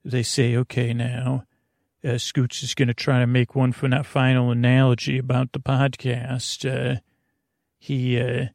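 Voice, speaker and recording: A man with an average male pitch and a notably creaky, gravelly, fry-laden voice hosts a bedtime sleep podcast, speaking in a monotone that is a little mellow. His rambling monologue meanders, halting and constantly restarting mid-thought as he drifts into digressions. The dry recording has no room sound, as if made in a small closet at home.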